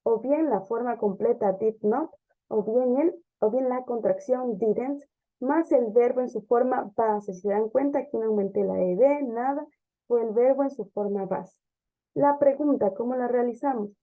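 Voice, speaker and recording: Woman, English teacher; patient step-by-step explainer, higher voice, dull lo-fi recording. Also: moderate pace. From Ecuador. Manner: explanatory, checks understanding with frequent "ok?" and "sí?". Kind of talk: classroom grammar lesson.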